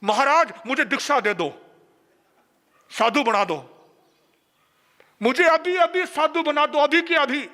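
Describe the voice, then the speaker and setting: A man's voice: very high-pitched, expressive, normal speed, sharp tone, long reverb tail, full character voice. A man voicing an eager, impatient man who insists on becoming a monk at once, pleading urgently.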